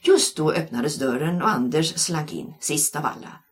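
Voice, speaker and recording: A woman reads a children's novel aloud in an expressive storytelling way. Her voice sits low for a woman, yet it rises and falls widely as she tells the story. The reading is steady and engaged. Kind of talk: audiobook narration.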